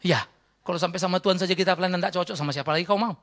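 A man pastor preaching a sermon, emphatic, swinging between soft asides and loud exhortation. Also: high-pitched, very fast.

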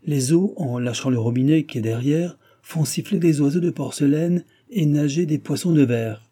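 A man's voice: a little high, normal speed, warm tone, husky, voice pushed up. A man voicing a witty, flirtatious royal mistress in an audiobook, raised and coaxing. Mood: pleased. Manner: playful, coaxing.

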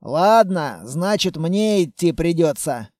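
Gruff, scoffing soldier type, grumbles more than he talks, bit loud and mellow as an audiobook narrator puts him on. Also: a little high, animated, slow pace, no echo, clean studio sound. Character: gruff grumbling male soldier, middle-aged.

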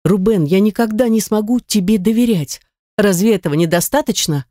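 A woman's voice: medium pitch, fairly quick, mellow, dry recording, studio quality, pitched above the performer's own voice, lightly acted. A reader voicing a frightened young woman who pleads and protests through tears, in an audiobook. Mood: defiant. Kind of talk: audiobook character voice.

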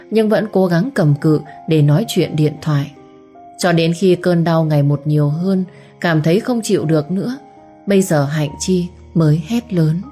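A woman narrating a dramatic life story in a calm, measured way. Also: low voice.

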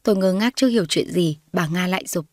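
A woman's voice: lowish voice, fast talker, dry recording, studio quality. A woman reading a story aloud and voicing every character's lines herself. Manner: reads all the characters' lines in her own voice, rising when characters shout. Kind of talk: scripted narration with voiced dialogue.

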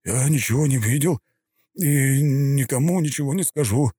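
A man voicing a nervous middle-aged border officer in an audiobook, strained and stammering as he tries to stay calm. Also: medium pitch, moderate pace, slightly rough, no room sound, clean studio sound, pitched above the performer's own voice, natural voice. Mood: frightened.

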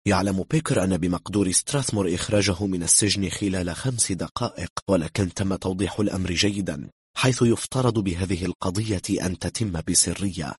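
A man reading a thriller novel aloud in a steady, measured narrating voice. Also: low-pitched, husky, no echo. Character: calm, cool-headed man bluffing.

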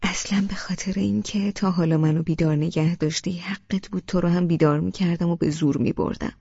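A woman's voice: on the low side, vocal fry, slightly rough, big-room sound. Woman voicing a teasing young husband. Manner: calm, teasing, reasoning. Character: young man, teasing, gentle, confident husband. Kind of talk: audiobook character reading. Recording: dull lo-fi audiobook recording.

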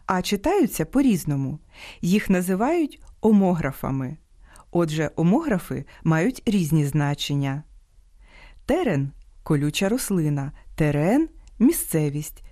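A woman hosting an educational radio program, reading a script in a measured, precise way. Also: fairly low pitch, warm tone, no room sound, clean studio sound. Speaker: radio host. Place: radio studio.

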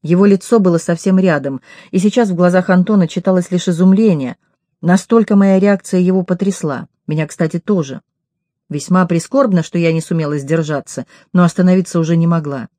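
A woman narrates a first-person novel in a measured, intimate way. Her voice is dark and mellow. The recording is dry and close, with no room echo. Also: fairly low pitch. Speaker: audiobook reader.

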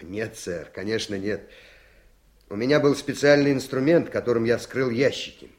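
In a radio play, a man lightly acts a veteran police investigator giving formal, factual testimony as a witness. His mid-range voice moves at a moderate pace and stays matter-of-fact.

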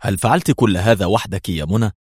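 Man doing an unhurried spy chief; deep, husky, dry. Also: no room sound. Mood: calm. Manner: calm, wry. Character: calm, knowing male intelligence chief.

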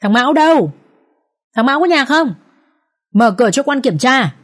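A woman reading an audiobook voices rough village patrolmen who shout and curse gruffly. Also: sits high, big pitch swings, normal speed, pitched above the performer's own voice.

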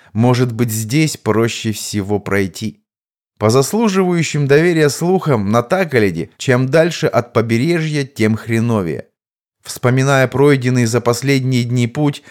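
A man narrating an audiobook in a steady, even storytelling delivery. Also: mid-range voice.

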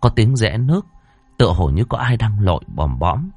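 A male storyteller reading a ghost story with a low, lively voice that rises and falls dramatically. The sound is dry and close, with no room echo. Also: moderate pace, husky, soft background music.

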